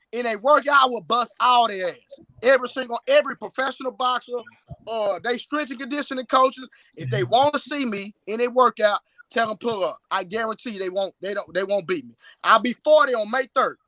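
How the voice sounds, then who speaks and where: Speaking as a live-stream guest on a video call, this man in his late thirties works as a strength and conditioning coach. He brags with emphasis and repeats himself, in a very high voice with a sharp tone and no room sound.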